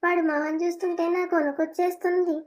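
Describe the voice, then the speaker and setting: A woman's voice: extremely high pitch, level tone, quick pace. A woman voicing a mistreated young wife who pleads tearfully in a cartoon drama. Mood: urgent.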